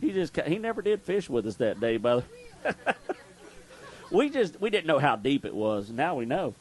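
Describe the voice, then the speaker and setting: A man's voice: fairly high pitch, very animated, normal speed. A man, hosting an outdoors radio show and telling a story live, laughing often and throwing in sound effects. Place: live event at a bar.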